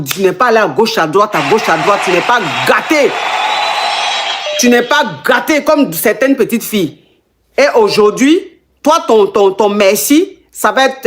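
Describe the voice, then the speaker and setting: High-voiced woman coach, emphatic. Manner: emphatic, repeats phrases. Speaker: relationship coach and call-in host. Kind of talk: casual advice talk.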